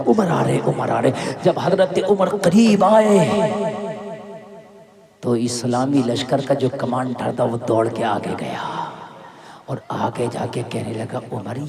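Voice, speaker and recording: A male preacher telling a religious story in a sermon, dropping to hushed asides and building to shouted climaxes. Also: mid-range voice, gravelly. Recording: live gathering with crowd behind. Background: crowd.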